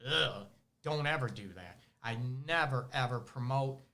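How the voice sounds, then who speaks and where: Dogs bark now and then as a relationship counselor with a Detroit accent delivers a casual advice monologue on his show, laughing and acting out his clients animatedly. He speaks a little slowly in a mid-range, sharp-toned voice with lively intonation.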